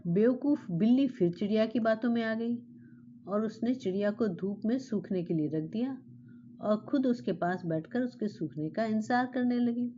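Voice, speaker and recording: A woman telling a children's story in Hindi, explaining words and talking warmly to the kids listening. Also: a little high, normal speed, dull audio, slight background noise.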